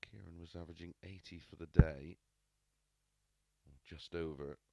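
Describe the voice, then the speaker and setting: A man giving understated, analytical darts commentary, with low-key remarks on form and statistics. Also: fairly even intonation, normal speed, vocal fry, a loud crowd.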